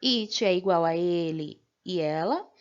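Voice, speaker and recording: A woman's voice: on the low side, lively intonation, a little slow, clear, resonant tone, lo-fi sound. A woman with a Brazilian Portuguese accent teaching a beginner language lesson, patiently explaining and checking in with frequent "ok?"s. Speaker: English teacher.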